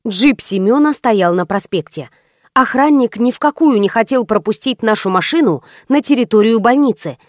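A woman narrating an audiobook in the first person, with lively, ironic storytelling. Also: fairly high pitch, normal speed, no room sound, clean studio sound.

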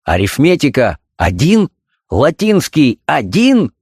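A man's voice: medium pitch, huge pitch swings, slow pace, darkish tone, slightly rough, long reverb tail, pitched above the performer's own voice, full character voice. A man voicing a distraught middle-aged doctor and father in a spoken story, agitated and near tears.

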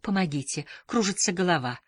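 A woman's voice: a little high, lively intonation, normal speed, fairly bright tone, no echo, voice pushed up. A woman reading as a frightened dizzy lady.

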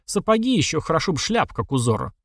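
A man's voice: on the high side, very animated, quick pace, fairly bright tone, dry recording, studio quality, voice pushed up, heavily acted. Man voicing a brash teenage girl. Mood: cheeky. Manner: brash, mocking. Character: bold cheeky teenage girl, sister.

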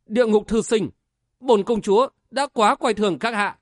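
A man's voice: sits high, normal speed, no room sound, studio quality, lightly acted. A man voicing a haughty, cold young martial-arts princess in an audiobook, speaking in a commanding tone. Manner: imperious, commanding.

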